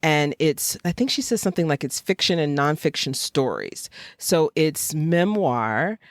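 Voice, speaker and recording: A woman from Jacksonville, Florida, United States, with a low-pitched voice and big pitch swings, speaks at a measured pace in a dry, studio-quality recording. A fiction writer and podcast co-host, she chats casually and enthusiastically about books, praising them emphatically.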